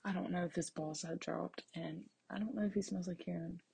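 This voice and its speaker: A woman's voice: on the low side, steady tone, a little fast, vocal fry, dark tone, slightly rough. A young woman hosting her first solo podcast, talking casually and rambling, with self-deprecating asides to her listeners. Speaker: podcast host.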